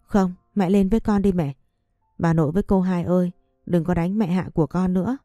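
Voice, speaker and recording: Tearful three-year-old boy, voiced by a woman narrator, mellow tone, storybook reading. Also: fairly low pitch, steady tone, brisk, dry recording, clean studio sound, faint music behind, close to an everyday voice. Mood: pleading, childlike.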